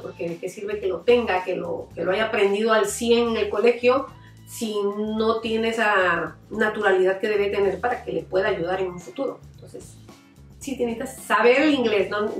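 Heartfelt mother, echoey room. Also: mid-range voice. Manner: heartfelt, reflective, speaks with many restarts. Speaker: mother of a former camp participant. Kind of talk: interview, personal testimony. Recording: echoey room, mic at a distance, faint music.

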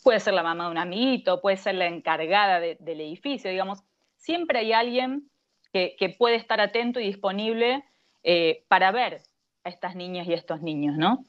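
A middle-aged woman with an Argentine accent, speaking as an author in a remote interview, earnest and measured with frequent pauses. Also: mid-range voice. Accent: Argentine Spanish. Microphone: earphone headset on a video call. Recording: dull lo-fi video call audio.

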